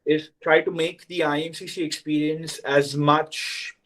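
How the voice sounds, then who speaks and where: Young man, fairly high voice. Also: little pitch movement, a little slow, fairly bright tone, poor audio. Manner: explanatory, checks in with "right?". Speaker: senior student mentor. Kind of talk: orientation talk to students.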